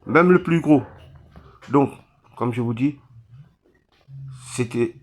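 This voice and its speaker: A man from Réunion speaking straight to his viewers, halting and full of restarts, pleading for help after a cyclone. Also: medium pitch. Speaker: vlogger appealing for donations. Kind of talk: emotional appeal to camera.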